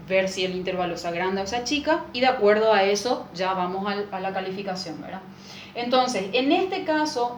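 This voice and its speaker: A woman, a music teacher patiently explaining a lesson and checking in with rhetorical questions. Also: medium pitch. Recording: echoey room with faint noise.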